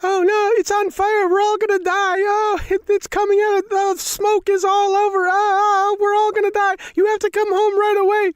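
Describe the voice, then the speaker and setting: A man imitating his panicking wife in a screaming falsetto. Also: monotone, moderate pace, hardly any pauses, no echo, studio quality. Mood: frantic. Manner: shrieking falsetto, frantic. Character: panicking screaming wife, middle-aged woman.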